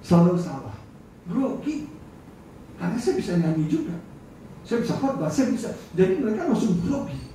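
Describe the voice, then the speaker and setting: A middle-aged man preaching a sermon as pastor, humorous and animated, acting out quotes. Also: high-pitched, normal speed, pauses often, slight background noise. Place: church hall. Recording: echoey room from far off.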